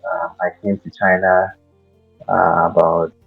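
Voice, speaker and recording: A young man from Ghana speaks with a Ghanaian accent in a very low, husky voice. He talks haltingly as an interview guest, full of fillers and restarts. The audio is dull and lo-fi. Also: level tone, faint music behind. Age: 20s. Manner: hesitant, many fillers and restarts. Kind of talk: casual interview.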